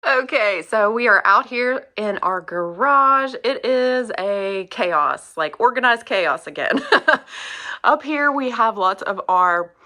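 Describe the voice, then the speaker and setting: A middle-aged woman vlogger chatting casually as she shows her home storage, relaxed and laughing at herself. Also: on the high side. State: a little out of breath. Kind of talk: casual home tour narration.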